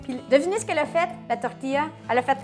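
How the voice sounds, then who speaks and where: A woman's voice: high voice, animated, racing, over loud music. A woman hosting a cooking tutorial, chatty and playful as she talks to viewers in a home kitchen. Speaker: cooking show host.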